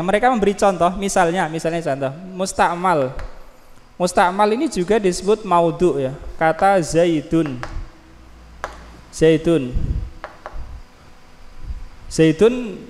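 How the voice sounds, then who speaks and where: A man's voice: sits high, big-room sound, rough recording. A man teaching a grammar class, repeating key terms and quizzing his students. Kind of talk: classroom lesson.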